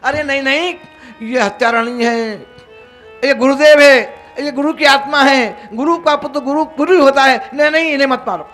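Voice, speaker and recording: A man voicing a grieving noble queen who begs for mercy in high, repeated cries. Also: normal speed, bright, forceful tone, soft background music. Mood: pleading.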